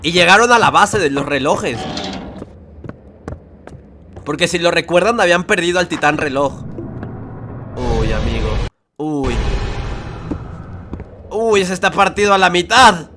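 A young man, hosting a reaction video with excited, playful commentary full of slang and exclamations. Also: high-pitched, a little slow, pauses often, noisy background. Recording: music playing behind.

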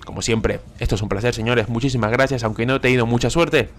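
Guy yelling and chattering over a game pack opening, desk mic. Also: medium pitch, fast talker, a little hiss or hum. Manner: animated, repeats phrases, cries out at big pulls. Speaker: gaming YouTuber. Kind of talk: excited gameplay commentary. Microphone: desk microphone.

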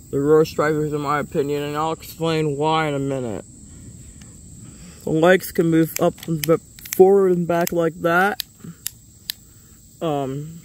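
Male toy reviewer, somewhat high voice, plain-spoken and meandering. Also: slight background noise. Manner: rambling, stops and restarts often; plain-spoken, drops a curse casually. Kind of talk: casual hands-on toy review.

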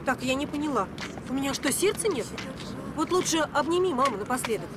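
A woman's voice: high-pitched, lively intonation, a little fast. An older actress playing a bossy, nagging grandmother in a screen drama, preachy and insistent. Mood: offended. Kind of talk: naturalistic screen drama acting. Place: outdoors at a bus station. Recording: loud outdoor bus station noise.

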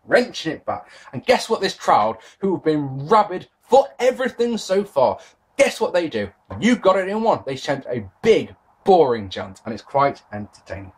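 Speaking at normal speed in a slightly high, husky voice with big pitch swings, a thirty-something British man films a casual wrestling review in his poster-lined bedroom. He is sarcastic and sweary as he talks to his webcam.

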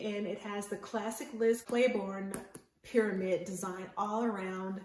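A woman's voice: medium pitch, roomy sound, slight background noise. A woman in her fifties chatting eagerly to viewers about her vintage finds, filmed at home. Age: 50s. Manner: enthusiastic, chatty, talks straight to viewers. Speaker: fashion vlogger. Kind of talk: casual haul and try-on chat. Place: home bedroom.

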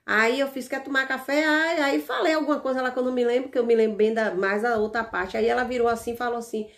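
A woman's voice: on the high side, fairly even intonation, quick pace. A Brazilian woman with a slightly raised voice tells a religious testimony in a casual, chatty way. She leans hard on key words, repeats herself and restarts her sentences as she goes. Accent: Brazilian Portuguese. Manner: emphatic, repetitive storytelling with restarts. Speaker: evangelical channel host.

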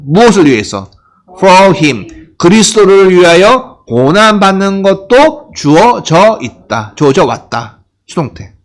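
A middle-aged man leads a Bible English lesson as a pastor, asking questions and answering them himself. His voice sits a bit high and moves lively up and down. He talks slowly and stretches out English words. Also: rough recording. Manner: asks and answers his own questions, drills phrases.

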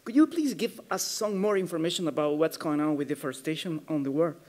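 A man asking questions as interviewer, halting and repeating words as he starts. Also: on the high side, darkish tone.

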